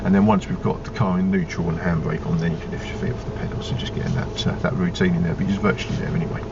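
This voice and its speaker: Male driving instructor, encouraging and methodical, lowish pitch, recorded off-mic inside a noisy moving car. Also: steady tone, racing, vocal fry. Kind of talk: driving lesson, step-by-step spoken instruction. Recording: muffled, loud car engine noise, distant mic.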